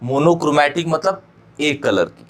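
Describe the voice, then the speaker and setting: A male chemistry teacher giving an exam-prep lecture, often checking that students follow and repeating key phrases slowly for them to note down. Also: fairly high pitch, animated. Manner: keeps checking understanding, addresses students fondly.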